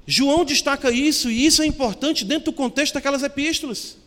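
A man's voice: extremely high pitch, fast talker, a bit bright, in a large hall. A male pastor preaching a sermon in an earnest teaching tone, often asking his listeners questions.

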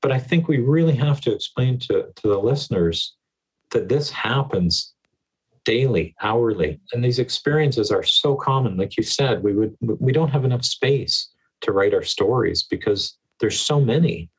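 A man's voice: medium pitch, expressive, normal speed, slightly rough, rough recording. A man speaking as a guest educator in an interview, emphatic and repeating words for stress. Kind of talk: earnest conversational interview.

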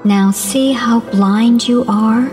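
A woman voicing a brave, calm young female bear who answers a villain in soft but clear, steady verse. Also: a little high, slow pace, music in the background. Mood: resolute.

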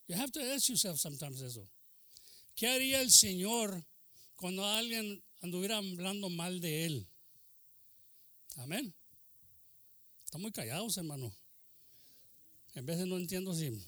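Bilingual preacher man, amen and hallelujah. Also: no echo. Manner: switches between Spanish and English; drops to a soft, low, confiding voice between loud bursts. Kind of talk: bilingual sermon.

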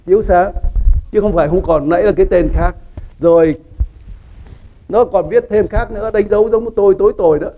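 A man preaching a sermon, teaching lively, asking the congregation questions and making joking asides with frequent laughter. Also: high voice, fairly quick, pauses often, poor audio. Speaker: pastor.

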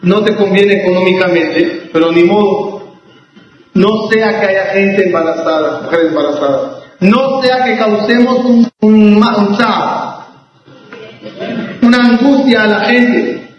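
A man teaching a religious law lesson as a rabbi, deliberate, with restarts and rhetorical questions. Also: sits high. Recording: echoey hall, distant mic, dull sound.

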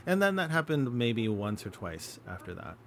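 A man hosting a podcast, talking haltingly with many fillers and restarts, and dropping his voice low when he tells a story. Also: very animated, noisy background. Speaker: podcast host. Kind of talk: casual podcast conversation.

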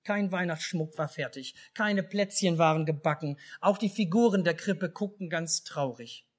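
A man with a German accent telling a children's Christmas story in a church service, speaking lively and asking the children questions. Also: a little high, normal speed. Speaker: pastor.

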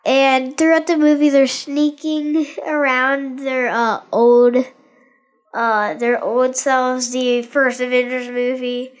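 Female co-host, high pitch, hesitant casual movie chat. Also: little pitch movement. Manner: halting, full of fillers and restarts. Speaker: podcast co-host.

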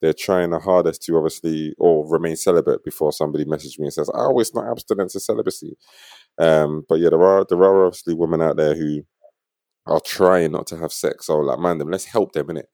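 A man's voice: very deep voice, fairly even intonation, brisk, dark tone, no room sound, studio quality. A young man with a London roadman accent hosting a podcast in casual, slangy street talk. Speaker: podcast host.

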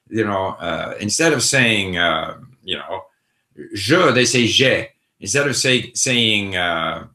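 In a roomy-sounding recording, a middle-aged male host answers viewer questions during a laid-back live language-learning Q&A. His mid-range voice comes across bright and forceful, and he speaks reflectively and conversationally, often using fillers and starting over.

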